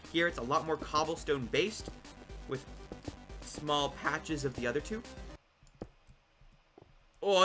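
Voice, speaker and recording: Brief: male gaming commentator, eager and chatty, bright edgy voice with cracks, soft music underneath. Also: mid-range voice. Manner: excitable, rambling self-talk to viewers. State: voice cracking from overuse. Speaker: gaming video creator. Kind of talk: casual gameplay commentary.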